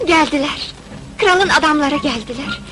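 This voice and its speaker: A woman's voice: high voice, moderate pace, close to an everyday voice, rough recording. A woman acting an earnest, innocent young fairy-tale heroine, emotional in her delivery. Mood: dreamy joy. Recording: old film soundtrack with loud music.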